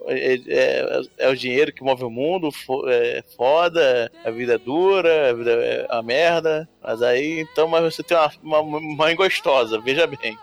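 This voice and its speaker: A man's voice: medium pitch, moderate pace, gravelly, few pauses, soft background music. A man retelling a scene in casual chat, jokey and acting out quotes.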